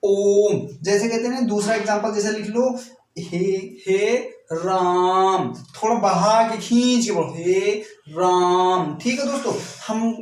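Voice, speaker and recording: A man's voice: high-pitched, a little fast. A man teaching an exam coaching lesson who keeps checking in with his students and draws out sounds to demonstrate them. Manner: keeps repeating "ठीक है दोस्तों", drawing out sounds to demonstrate. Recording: echoey room, off-mic.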